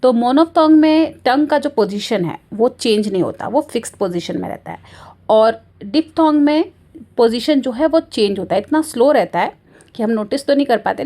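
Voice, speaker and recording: A woman teaching a lesson on vowels, mixing Hindi explanation with careful, drawn-out English examples and modelling each vowel sound. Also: fairly high pitch, expressive, dark tone. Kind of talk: lecture explaining phonetics.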